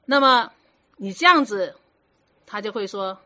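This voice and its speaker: A woman's voice: mid-range voice, lively intonation, a little slow, sharp tone. A woman giving a Buddhist dharma talk, instructing her students firmly and checking with rhetorical questions as she explains. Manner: conversational, rhetorical questions to the listeners; firm, instructive. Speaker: Buddhist teacher. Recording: muffled lo-fi recording.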